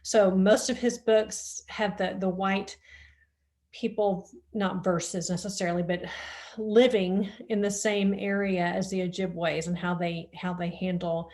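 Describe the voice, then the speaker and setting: A woman's voice: mid-range voice, little pitch movement, a little slow, darkish tone. Gushing woman in a video call book chat. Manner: gushing, enthusiastic, with frequent ums. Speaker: bookshop co-owner discussing books.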